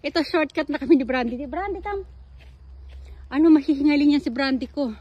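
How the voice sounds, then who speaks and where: A woman's voice: steady tone, quick pace, warm tone, no room sound, muffled recording. Chatty woman vlogging on a walk. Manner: chatty, calls her dog in a high sing-song voice. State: out of breath. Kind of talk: casual walking vlog, talking to camera. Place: outdoor garden and dog run on a hillside.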